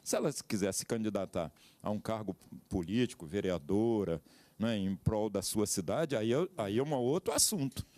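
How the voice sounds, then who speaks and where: Lively preacherly male Bible teacher. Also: fairly low pitch, moderate pace. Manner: explanatory, preacherly emphasis. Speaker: seminary teacher, guest panelist. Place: TV studio.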